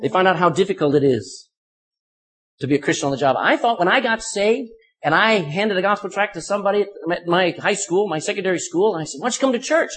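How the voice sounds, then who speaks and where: Husky-voiced man preaching a lively sermon. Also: high-pitched, fast talker, soft background music. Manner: preaching with rhetorical questions and sudden emphasis. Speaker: pastor.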